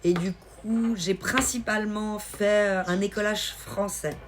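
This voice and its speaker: A woman from Switzerland with a light Swiss French accent, hosting a live stream and chatting casually with viewers in a teasing, quick-witted way. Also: mid-range voice, fairly even intonation, noisy background. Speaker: livestream host. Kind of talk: casual live-stream chat reading comments.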